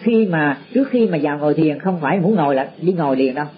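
A man giving a Buddhist dharma talk to disciples. He teaches slowly and repeats words as he searches for them. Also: on the high side, lively intonation. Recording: muffled lo-fi recording with faint background noise.

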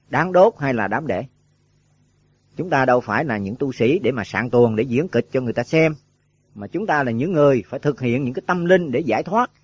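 A man's voice: medium pitch, husky, dry recording. A man giving a rambling dharma talk to monks, full of filler words and rhetorical questions. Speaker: Buddhist monk teacher. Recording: dull lo-fi dry recording.

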